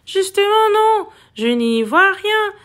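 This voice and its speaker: A woman's voice: very high voice, very animated, slow, pushed and bright, exaggerated voice. A woman voicing a naive, chatty little goldfish in a storybook reading, in a raised voice. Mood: curious.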